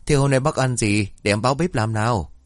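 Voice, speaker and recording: A man's voice: medium pitch, brisk, no room sound, clean studio sound, pitched above the performer's own voice, close to an everyday voice. A man doing a fawning, greedy tavern landlady. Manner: fawning, eager.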